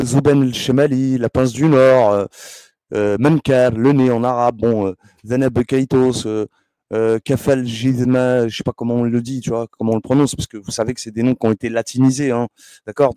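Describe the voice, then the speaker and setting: A man's voice: mid-range voice, fairly even intonation, a little fast, warm tone, clean tone, dry recording. A man hosting a rambling esoteric monologue, hesitant and often scolding, with frequent fillers. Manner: heated, scolding, lots of hesitations. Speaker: channel host.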